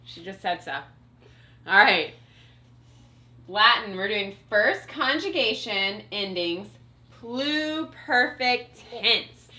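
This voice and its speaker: A woman's voice: medium pitch, lively intonation, slow, pushed and bright. A woman teacher leading children in a playful class recitation. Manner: upbeat, playful, coaxing children to chant along. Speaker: homeschool co-op teacher.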